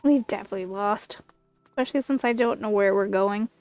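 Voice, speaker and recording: A woman's voice: medium pitch, brisk, a little mellow, no room sound, faint music behind. A woman giving casual commentary as she plays through a video game.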